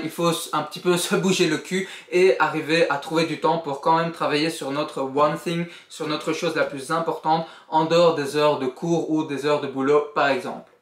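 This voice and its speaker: A man's voice: a little high, fairly bright tone, reverberant. A young man summarizing a book in a casual vlog, earnest and encouraging as he speaks directly to the viewer. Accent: Belgian French. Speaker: YouTuber.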